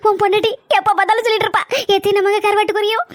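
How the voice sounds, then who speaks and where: A woman's voice: extremely high pitch, little pitch movement, very fast, no room sound, studio quality. A woman playing a weepy old village mother-in-law. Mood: doting. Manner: tearful, melodramatic.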